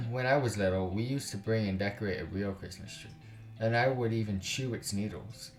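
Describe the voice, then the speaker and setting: A man with a lowish, natural voice reads aloud as a chatty, cheerful young woman from a visual novel, chattering and gushing at a moderate pace. The recording has roomy echo from a distant mic, with music behind.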